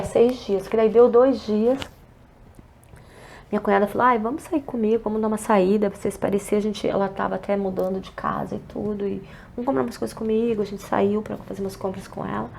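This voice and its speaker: Creaky-voiced Brazilian woman telling her story. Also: mid-range voice. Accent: Brazilian Portuguese. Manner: acts out quoted dialogue, often softly. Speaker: interview guest. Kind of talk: emotional personal storytelling.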